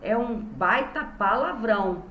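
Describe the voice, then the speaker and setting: A female primary school teacher with a Brazilian Portuguese accent gives a recorded lesson to young children, patiently sounding out words syllable by syllable. Her voice is on the high side and fairly bright, slow with lively intonation, in a roomy echo.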